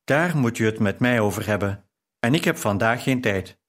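A man's voice: medium pitch, lively intonation, normal speed, fairly bright tone, natural voice. A man doing a curt, protective manservant. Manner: curt, clipped. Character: gruff protective male servant, curt and hurried.

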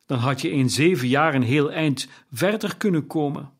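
A man's voice: on the high side, moderate pace. A man reading aloud and voicing an old miser who speaks in a curt, businesslike way with some hesitation.

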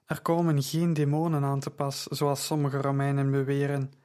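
A man voicing a young woman who sells purple dye, speaking in a gentle, reassuring and knowledgeable way. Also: rumbling low, flat delivery, normal speed. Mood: calm reassuring. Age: young adult.

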